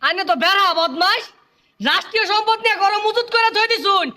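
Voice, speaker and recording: An actress playing an indignant bystander scolding a hoarder. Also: female voice, extremely high pitch, fairly quick, bright, forceful tone. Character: scolding outspoken woman bystander. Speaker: indignant bystander in a comedy skit. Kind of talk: comic sketch acting.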